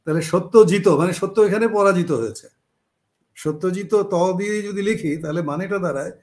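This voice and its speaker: Man, high-pitched voice, lecture on word roots, halting, self-correcting. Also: darkish tone. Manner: explains slowly with frequent pauses and self-corrections. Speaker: teacher.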